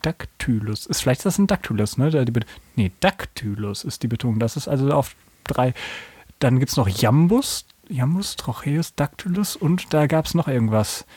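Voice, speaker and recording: A man's voice: medium pitch, lively intonation, normal speed, darkish tone, breathy edge, no room sound. A young man hosting a podcast, chatting casually, reading animal facts aloud and playfully imitating calls. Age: young adult. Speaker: podcast host.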